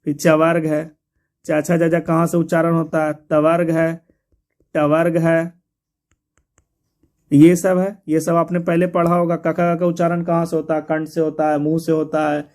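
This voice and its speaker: A man's voice: on the high side, little pitch movement, a little slow, a little mellow. A man teaching an exam syllabus, repeating points and spelling words out letter by letter. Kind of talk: explaining a syllabus to students.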